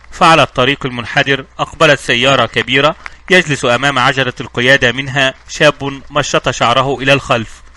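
A man narrating a novel aloud as an audiobook, in a brisk storytelling manner with small slips and restarts. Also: mid-range voice, pushed and bright.

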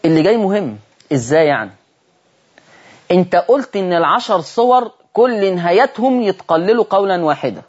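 A man with an Egyptian accent teaching Quran recitation on a televised lesson, animated and often asking his listeners rhetorical questions. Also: on the high side, slightly rough, muffled recording. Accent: Egyptian Arabic.

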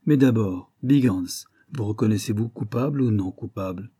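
A man voicing a calm, commanding young woman detective in a read-aloud story, questioning precisely and firmly. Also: lowish voice, moderate pace, breathy edge, dry recording.

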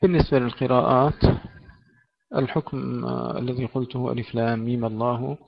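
Male recitation teacher, mid pitch, drawn-out verses between quick rule explanations. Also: little pitch movement, gravelly, no echo, muffled recording. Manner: recites verses slowly, then explains rules in quick plain speech. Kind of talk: tajweed lesson, reciting and explaining.

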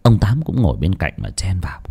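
A man's voice: low-pitched, huge pitch swings, a little fast, creaky, dark tone, slightly rough. A man narrating a ghost story in a dramatic, vivid way.

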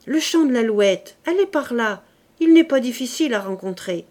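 A woman's voice: a little high, expressive, moderate pace, darkish tone, lightly acted. A woman reading the lines of a poor, timid old gardener in a storybook reading, hesitant and wondering. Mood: eager.

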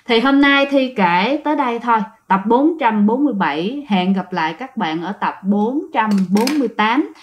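A woman's voice: on the high side, animated, moderate pace. A woman telling a true ghost story casually, talking straight to her listeners. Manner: chatty, addresses listeners directly. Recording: dull lo-fi sound.

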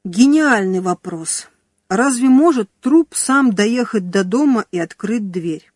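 A woman's voice: mid-range voice, expressive, slow, a little mellow, no room sound, clean studio sound. Wry woman narrating a story. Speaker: audiobook narrator. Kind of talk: scripted first-person narration.

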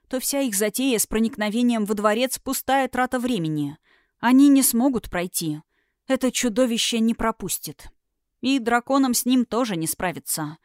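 Expressive woman narrating an audiobook. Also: a little high, no echo, studio quality. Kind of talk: dramatic fantasy audiobook narration.

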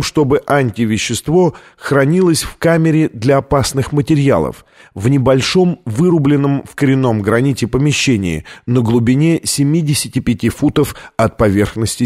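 A man narrating an audiobook in an even, measured reading style. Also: mid-range voice. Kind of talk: scripted narration.

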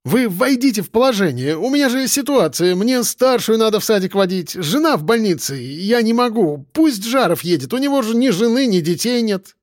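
A man's voice: on the high side, very animated, normal speed, breathy edge, no room sound, studio quality, full character voice. A man voicing a whiny, self-pitying office engineer who keeps pleading to be spared a work trip, read as an audiobook character. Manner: whining, pleading.

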